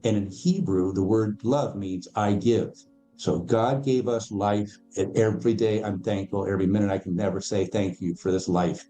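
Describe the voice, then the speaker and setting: Dark-voiced man explaining with emphasis. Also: on the low side, fairly even intonation, moderate pace, soft background music. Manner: emphatic storyteller, acts out quoted voices. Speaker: podcast guest, financial educator. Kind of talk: casual interview explanation.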